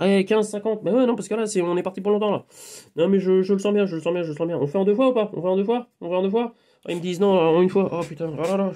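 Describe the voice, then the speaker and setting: A man's voice: a little high, warm tone. A man, a hypnotherapist, rambling in a casual monologue, talking to an unseen friend and swinging from muttering to exclaiming.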